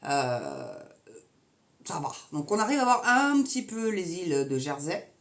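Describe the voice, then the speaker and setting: Low, lively-voiced sarcastic woman vlogger. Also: measured pace. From Normandy, France. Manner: sarcastic, slangy, scornful, addresses viewers directly. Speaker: vlogger commenting on the news. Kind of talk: casual political rant to camera.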